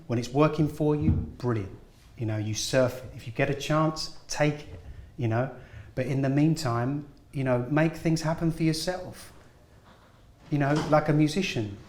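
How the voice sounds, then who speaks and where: A man's voice: fairly high pitch, a little mellow. Man giving earnest advice, roomy room. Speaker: guest actor. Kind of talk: casual interview talk. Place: film studio at a school event.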